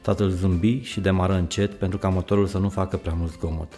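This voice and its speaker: A man reading a children's story aloud in a lively, expressive way. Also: low voice. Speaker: narrator. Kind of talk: storybook narration. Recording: faint background music.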